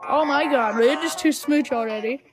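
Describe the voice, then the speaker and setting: A woman's voice: high voice, moderate pace, over music, natural voice. A woman voicing a brash, bossy female fish warrior.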